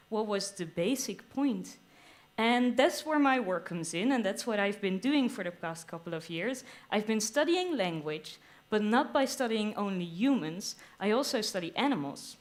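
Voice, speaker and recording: A young adult woman presents her research on stage at a science slam. She explains with enthusiasm and drops playful quoted asides. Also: mid-range voice. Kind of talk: lively explanatory stage talk. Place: live stage at a theater venue.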